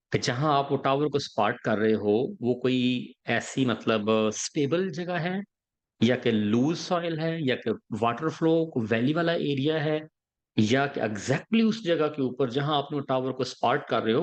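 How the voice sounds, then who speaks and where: A man's voice: medium pitch, a little mellow. A man giving explanatory podcast advice on engineering job interviews, walking through points step by step and often checking in with the listener.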